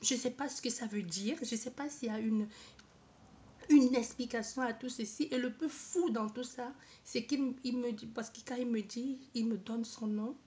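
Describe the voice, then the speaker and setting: A woman with a fairly high voice tells her own story straight to the camera. She hesitates, restarts her sentences and repeats words while she searches for how to say things. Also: moderate pace, warm tone. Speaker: vlogger. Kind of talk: personal testimony to camera.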